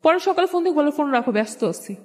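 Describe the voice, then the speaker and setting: Her voice is high, animated, and rapid-fire, with a darkish tone. A young adult guest with a Bangladeshi accent, she tells her life story casually, frequently quoting conversations, in a recording with a hall-like reverberant echo.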